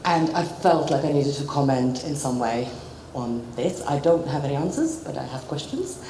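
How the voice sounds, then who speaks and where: A woman's voice: rumbling low, expressive, moderate pace, dark tone. A woman from the Czech Republic with a London British accent, speaking as a psychotherapist in a group discussion with hesitant, reflective phrasing. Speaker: psychotherapist and audience contributor. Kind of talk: spontaneous comment at a group discussion. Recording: echoey room, background noise.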